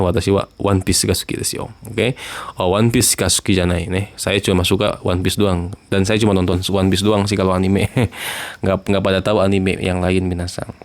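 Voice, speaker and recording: Chatty male teacher with a low voice. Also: darkish tone. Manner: chatty, tags lines with "minasan", lifts pitch for example sentences. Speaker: Japanese vocabulary teacher. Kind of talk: casual vocabulary lesson.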